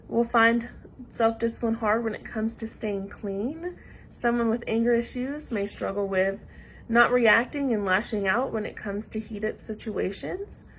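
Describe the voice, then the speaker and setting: A woman with a Southern US accent preaching a sermon in a measured, earnest way with pauses. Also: fairly high pitch, slight background noise, poor audio.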